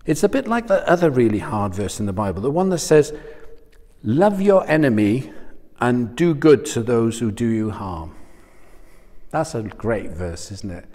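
In a small church studio room with a screen behind him, a man preaches a conversational sermon into a lapel mic and keeps asking his listeners questions. His mid-range, dark voice is very animated yet a little slow, and the audio has a big-room quality.

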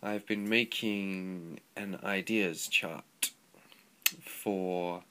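A young adult man, an English teacher vlogger, rambles casually in a video diary with many ums, his voice stuffy-nosed and lowered by a cold. He draws words out in a clear, resonant tone. He's recorded close on a laptop webcam indoors, in a small room with sliding paper screens.

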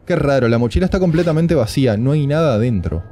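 A man's voice: medium pitch, animated, quick pace, dark tone, a little hiss or hum. Jittery man doing horror game commentary. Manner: joking, nervous and talkative. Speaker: gaming video creator.

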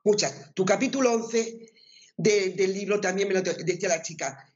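A woman with an accent from Spain, telling her story as an interview guest in a lively way and repeating words for emphasis. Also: medium pitch, moderate pace, dull audio. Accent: Spain Spanish. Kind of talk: personal testimony in conversation.

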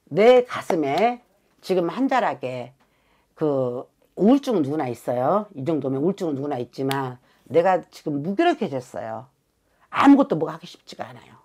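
Low-pitched, a little mellow, and very animated, a woman from Suncheon, South Jeolla, speaks at normal speed during a fortune-telling consultation. Her reading is blunt and emphatic, with some swearing and repeated "right?" checks pushing for agreement.

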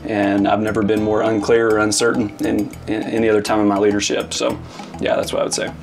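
A man's voice: lowish voice, level tone, quick pace, creaky, soft background music. A man who leads a church, chatting casually and reflecting earnestly in long, loose sentences, from Arizona. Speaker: lead pastor. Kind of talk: casual interview chat.

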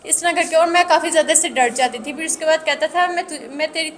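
A woman's voice: fast talker, a bit bright. A woman, telling her story in an interview, anxious and repetitive with many restarts. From Pakistan. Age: 20s. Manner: high-pitched, earnest. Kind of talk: recounting harassment in an interview.

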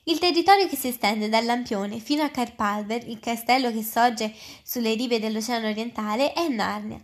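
A woman's voice: fairly high pitch, moderate pace, close to an everyday voice. A woman reading the lines of a polite, nervous male faun in a storybook, courteous and a little flustered. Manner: courteous, eager, slightly flustered. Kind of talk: reading aloud.

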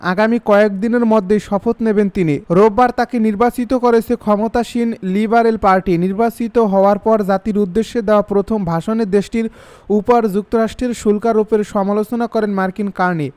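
A man reading international news bulletins in an even, formal scripted manner. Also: sits high, quick pace, smooth. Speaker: news reader.

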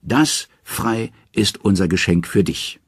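A man voicing a proud, quick-tempered male dwarf smith. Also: fairly low pitch, slightly rough, no echo, clean studio sound. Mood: boastful.

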